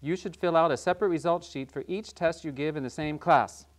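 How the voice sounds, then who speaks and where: Playing an upbeat quiz master in a scripted game show spoof, the performer announces questions and scores at a brisk clip. The voice is mid-range and close to everyday speech.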